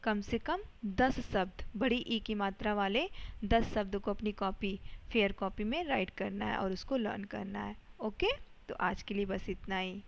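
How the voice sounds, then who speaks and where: A woman teacher giving a slow, patient lesson to young children, sounding out syllables and words one by one. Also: mid-range voice, gravelly, muffled recording.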